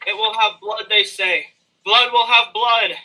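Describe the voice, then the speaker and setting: A man's voice: high-pitched, steady tone, unhurried, bright, forceful tone, heavily acted, rough recording. A man playing an overwrought, commanding Macbeth in an amateur comic stage Shakespeare, declaiming in an overacted way. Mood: panicked. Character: overwrought, guilt-ridden, commanding Macbeth in school play.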